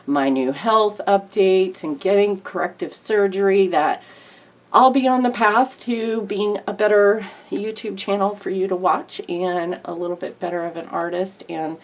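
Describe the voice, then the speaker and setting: A woman's voice: mid-range voice, unhurried. A woman who makes craft videos, giving a candid, earnest and rambling personal update to her viewers in a nasal, congested voice. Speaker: YouTube crafter and artist.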